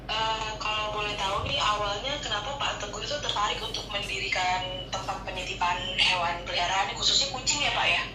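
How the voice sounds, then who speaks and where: A woman's voice: medium pitch, brisk, few pauses, reverberant, distant mic, loud music behind the voice, poor audio. Woman interviewer heard over a speakerphone. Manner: polite, questioning. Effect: heard over a speakerphone call. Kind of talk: phone interview.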